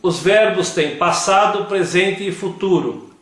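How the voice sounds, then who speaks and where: Man, grammar lesson, slow deliberate reading, word lists, very echoey room. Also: high voice, a bit bright. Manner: reads word lists one by one. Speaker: grammar teacher.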